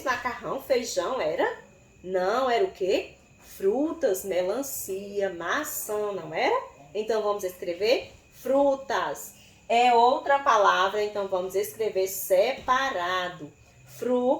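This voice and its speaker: A Brazilian woman teaching young children to write, sounding out syllables slowly and asking pupils by name. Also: a little high. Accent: Brazilian Portuguese. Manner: slow, syllable-by-syllable spelling with questions to pupils by name. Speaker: primary school teacher. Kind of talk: recorded remote writing lesson for young children. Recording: echoey room.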